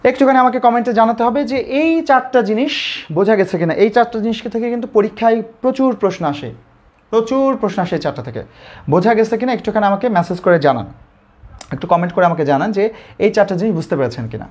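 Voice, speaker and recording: A man's voice: sits high, animated, fast talker, darkish tone. A male teacher with a Bangladeshi Bengali accent, giving a live online grammar lesson, who asks questions and then answers them himself. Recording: slightly dull lo-fi audio.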